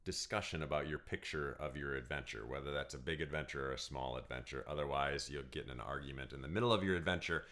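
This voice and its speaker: A man co-hosting a casual couple podcast, easygoing and quick to laugh. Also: rumbling low, fairly bright tone. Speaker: podcast co-host.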